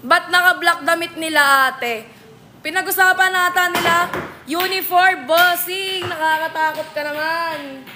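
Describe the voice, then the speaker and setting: A woman with a very high, bright voice hosts a live stream, tossing back playful and teasing replies to viewer comments. She talks slowly, and a faint hum of the room sits behind her. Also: steady tone. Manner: playful, teasing banter with quick comebacks. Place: billiards venue.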